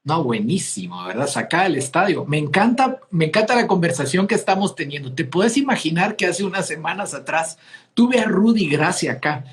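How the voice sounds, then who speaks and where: A man hosts an interview podcast, speaking in a relaxed, conversational way. He reacts with eager enthusiasm and praises his guest often. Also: fairly high pitch, normal speed. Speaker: podcast host. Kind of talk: casual interview talk.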